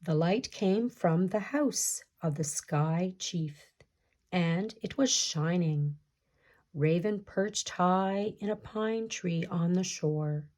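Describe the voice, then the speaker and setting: A woman storyteller reads a picture-book folktale aloud in a measured way, putting questions to her listeners. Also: on the low side, darkish tone.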